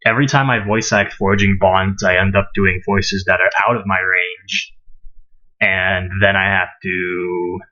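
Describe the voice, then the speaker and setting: A man's voice: deep voice, steady tone, a little slow, pushed and bright. Laid-back man streaming, muffled mic. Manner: laid-back, self-mocking. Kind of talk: casual live-stream chat.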